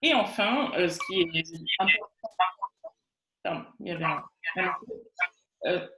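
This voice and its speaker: A woman's voice: lowish voice, lively intonation, measured pace, pushed and bright. A woman trainer leading an online sales webinar, explaining step by step with many fillers, her voice coming through a heavy echo on the video call. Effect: heavy echo on the call audio. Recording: echoey video call audio.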